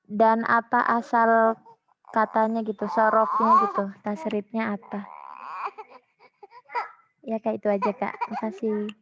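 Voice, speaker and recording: A woman's voice: fairly high pitch, completely flat delivery, a little slow, pauses often. A woman student asking a question politely and hesitantly in an online class, her voice choppy and cutting out over a video call. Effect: choppy, cutting-out online call audio. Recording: dull lo-fi call audio with faint noise and clicks.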